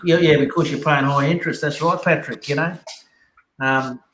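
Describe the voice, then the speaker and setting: A man's voice: a little high, steady tone, normal speed, fairly bright tone, echoey room, a little hiss or hum, poor audio. A man with an Australian accent, a guest chatting casually and loosely, with many fillers and restarts. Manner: laid-back, rambling, many fillers. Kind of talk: casual yarn on a live stream.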